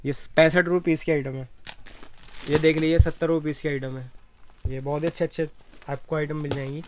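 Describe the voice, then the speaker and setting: A young man who owns a wholesale shop, showing his goods and quickly rattling off prices while agreeing often. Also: fairly high pitch, steady tone, a little mellow, a little hiss or hum. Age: young adult. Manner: rapid salesman patter, rattles off prices; repeats "haan ji" agreement. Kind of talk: product walkthrough. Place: cramped indoor bag shop.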